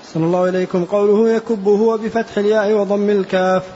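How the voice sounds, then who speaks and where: A high-pitched man reads a classical text aloud in a steady recitation, stopping to spell out how each word is voweled. The recording is dull and lo-fi, with a faint hiss behind him. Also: quick pace.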